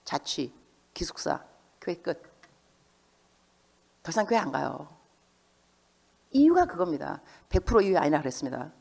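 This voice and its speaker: A middle-aged woman preaching a sermon in a church. She tells stories in a lively way and acts out the people she quotes. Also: sits low, normal speed, creaky, long pauses. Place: church sanctuary. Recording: long church hall reverb.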